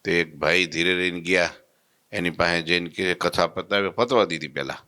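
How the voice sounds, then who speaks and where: A man delivers a folksy storytelling sermon. His voice sits very low yet sounds bright and crisply resonant, and he tells his tales with lively animation. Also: normal speed. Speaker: preacher giving a religious discourse.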